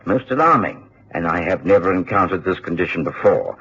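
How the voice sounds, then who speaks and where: An actor playing a genial, earnest middle-aged gentleman doctor with a Received Pronunciation accent, telling his adventures in a radio drama in a measured, expressive way. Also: sits low, breathy edge, full character voice. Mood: intrigued, uneasy. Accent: British Received Pronunciation. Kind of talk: radio drama narration and dialogue. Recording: dull, faintly noisy old radio recording.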